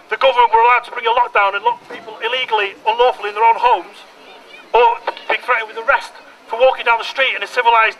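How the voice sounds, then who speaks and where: A man's voice: very high-pitched, muffled recording. A man speaking at an outdoor protest, indignant and full of rhetorical questions. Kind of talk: speech at a rally. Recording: distant outdoor speech.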